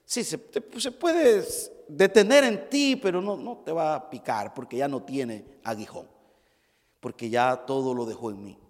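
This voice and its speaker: A man voicing a calm, protective father who speaks softly and reassuringly to his daughter. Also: measured pace, lightly acted. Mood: soothing. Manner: soft, low and reassuring. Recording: echoey hall.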